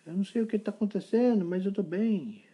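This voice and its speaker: A man voicing a small, stubborn, grumpy male screw in a slow, high, drawn-out voice. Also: dark tone, slightly rough. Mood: bewildered.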